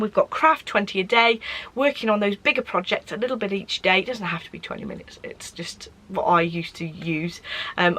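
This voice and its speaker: Bright-voiced woman chatting about crafts. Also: medium pitch, low-quality recording. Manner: chatty, with frequent "um" fillers. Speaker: craft podcast host. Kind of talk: casual chat.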